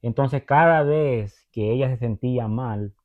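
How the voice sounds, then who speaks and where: Man, preacher, conversational Bible teaching, tag questions, mid pitch, tinny phone-like audio. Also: a little slow. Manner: chatty, checks in with tag questions; retells stories, acting out the voices.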